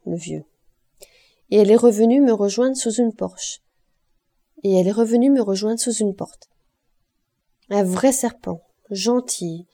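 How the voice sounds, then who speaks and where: A woman voicing a smug, jovial man who boasts and gossips in an audiobook, with a raised, louder voice. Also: mid-range voice, lightly acted.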